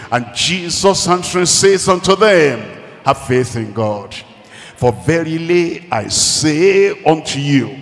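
A man delivers a sermon as pastor, with a slightly high voice and unhurried, emphatic phrasing. He leads call-and-response and repeats key lines. His voice rings out with a long reverb, as if in a large church hall. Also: vocal fry, a bit bright.

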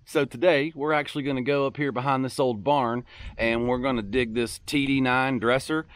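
A man's voice: medium pitch, fairly even intonation, normal speed, no echo. A man, hosting a casual outdoor vlog on a farm field, filmed with a handheld camera at arm's length. He talks in an easygoing, rambling way and repeats himself. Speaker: channel host.

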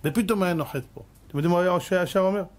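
A rabbi with a high voice preaches a fervent sermon, firing off rhetorical questions and swinging between hushed and loud delivery. He addresses the audience as "gentlemen".

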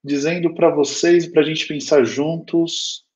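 This spiritist lecture comes from a Brazilian man with a Brazilian Portuguese accent who earnestly recounts a personal story and keeps turning to address his listeners. His voice is on the high side with little pitch movement, unhurried and darkish, and the recording is dull and lo-fi.

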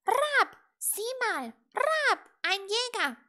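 A woman voicing a stern male raven who scolds his witch companion and croaks between his words in a storybook reading. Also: extremely high pitch, sing-song, very slow, sharp tone, pitched above the performer's own voice, full character voice. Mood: urgent.

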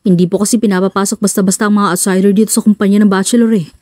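A polite, matter-of-fact male security guard speaks in a lowered voice, as a woman narrator puts him on. The sound is mellow and dry, read close. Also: steady tone, racing, dry recording, lightly acted.

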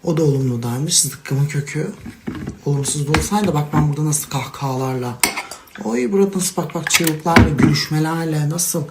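A woman's voice: deep voice, normal speed, heavy background noise. Dramatic chatty woman on phone stories. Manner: dramatic, gushing, addresses followers as princesses. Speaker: social media personality. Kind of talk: casual phone story vlog.

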